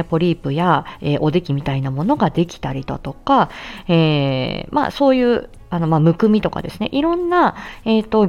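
Animated woman explaining, low-pitched. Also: creaky. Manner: animated and chatty, frequent thinking fillers. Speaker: speech-language therapist. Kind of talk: casual explanatory talk.

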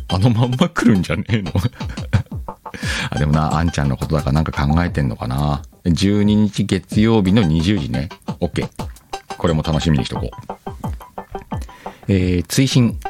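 A man with a fairly low, slightly mellow voice hosts a casual solo audio show. He reads listener letters aloud and chats to himself with self-deprecating banter, laughing often.

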